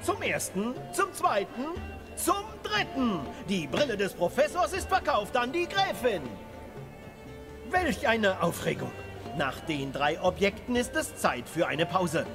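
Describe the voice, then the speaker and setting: A man's voice: high-pitched, big pitch swings, measured pace, heavily acted. A man voicing a flamboyant, courteous auctioneer in a video game, calling bids in theatrical, sing-song patter. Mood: excited, showy. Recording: music behind the voice. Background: music.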